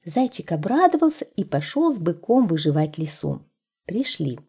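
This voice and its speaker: A woman reading a fairy tale aloud in an expressive, sing-song storyteller's manner. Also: on the low side, moderate pace, husky.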